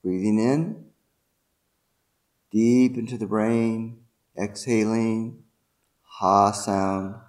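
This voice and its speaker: Male meditation guide, lowish pitch, very slow ceremonial delivery with short, deliberate phrases. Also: steady tone, darkish tone.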